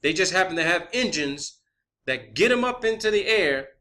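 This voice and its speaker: Bright and forceful, with a lively rise and fall, a high-sitting male voice moves at a moderate pace through an informal rant. The speaker, a video creator pushing his own theories, curses liberally, repeats himself for stress, and peppers his talk with "okay" and "all right."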